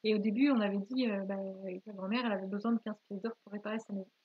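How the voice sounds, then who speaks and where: A woman's voice: mid-range voice, steady tone, phone-quality sound. A woman co-hosting a live board-game stream, retelling the story casually with frequent hesitations. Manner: hesitant, many "euh" pauses. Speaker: co-host of a board-game channel.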